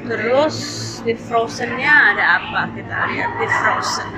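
An Indonesian food vlogger in her thirties narrates a casual vlog through a cafe and grocery shop indoors, mixing English phrases into her chatter. Her animated, fairly high voice takes its time over a background crowd and music.

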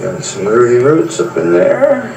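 A man casually showing his plants in a home video, describing them in a plain, low-key way. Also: wildly swooping pitch, unhurried, vocal fry, a loud crowd. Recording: echoey room, far from mic, background noise.

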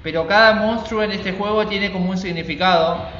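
Excitable high-voiced gamer guy. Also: fairly quick, roomy sound, dull audio, slight background noise. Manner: excitable, jokey, swears, talks to the monster. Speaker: gaming channel host. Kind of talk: let's play commentary.

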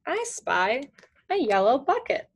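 In a small, shelved room at home, a woman in her twenties reads to children from a picture book, keeping her phrasing simple and teacherly and posing questions. She speaks unhurriedly in a high-pitched voice whose pitch swoops wildly.

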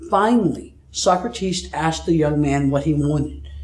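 A man leading an online worship service, preaching a sermon and reading scripture with measured storytelling. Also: a little high. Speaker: pastor. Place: church. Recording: echoey room, mic at a distance.

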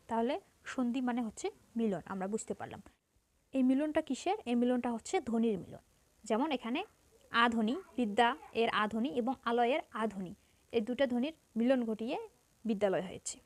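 A woman teaching a grammar lesson to students, patiently explaining each point and repeating it. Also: a little high.

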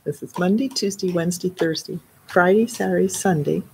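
A woman's voice: on the low side, fairly quick, vocal fry, darkish tone, slight background noise. A middle-aged woman, a children's librarian, reading a picture book aloud in a live story time and adding explanatory asides.

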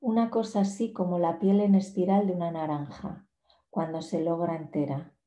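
The fairly low, mellow voice belongs to a woman in her forties, a poet reading her work aloud in a talk at a slow, measured pace with fairly even intonation. A laptop webcam on a video call captures her, and the small bare room gives the audio an echo.

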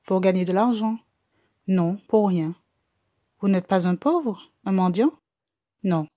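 A woman voices a brisk young hospital intern in an audiobook, doubtful and quick with his questions. The tone is warm and mellow. The sound is dry and close. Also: medium pitch, no room sound. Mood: questioning.

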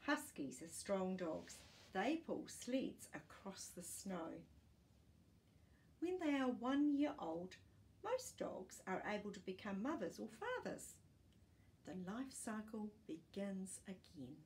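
Very animated yet slow, this woman's medium-pitched voice has a slightly mellow quality, with a little hiss or hum in the recording. In her sixties, she reads a children's fact book as a storytime host, speaking simply and carefully to kids. She's filmed in a small living room by a camera a short way off.

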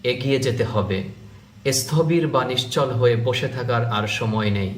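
A male teacher giving a slow, deliberate spelling lesson, sounding each syllable after spelling it. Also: medium pitch, animated. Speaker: English teacher.

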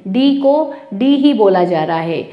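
A woman's voice: medium pitch, lively intonation, slow pace, highs cut off. A woman from India with an Indian accent, giving a spoken English pronunciation lesson and carefully spelling out words letter by letter. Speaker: English teacher. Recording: echoey room.

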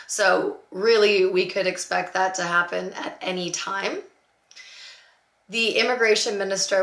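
Female news-channel host, hoarse and gravelly from voice loss, mid pitch, informal update delivery, echoey room. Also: fairly bright tone. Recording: roomy, echoing indoor sound.

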